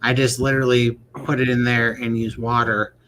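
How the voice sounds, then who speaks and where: A man's voice: mid-range voice, flat delivery, normal speed, fairly bright tone, a little hiss or hum. A man co-hosting a casual livestream chat, rambling and laughing often. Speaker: livestream co-host.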